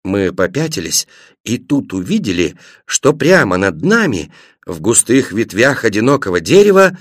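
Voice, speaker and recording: A man narrating a children's story in an expressive reading, shifting his delivery between scenes. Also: fairly low pitch, no echo, studio quality. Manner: expressive, varied reading with voiced characters.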